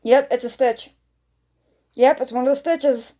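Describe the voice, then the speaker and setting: A woman talks casually to her viewers as a vlogger. Her voice sits fairly high yet has a very relaxed, dark-soft tone. She rambles along and circles back, repeating short phrases to make her point. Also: measured pace.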